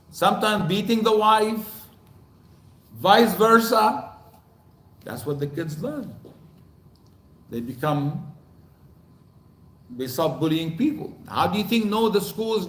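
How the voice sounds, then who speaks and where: An older man speaking to a mosque congregation, animated and quizzing the audience with repeated questions. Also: sits high. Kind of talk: lecture to a congregation. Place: mosque hall. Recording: echoey hall recording.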